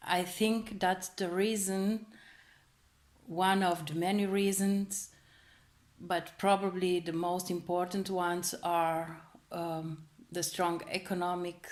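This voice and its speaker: Slow-spoken woman. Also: fairly low pitch. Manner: slow, halting, searching for words. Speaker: interviewee. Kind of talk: personal testimony to camera.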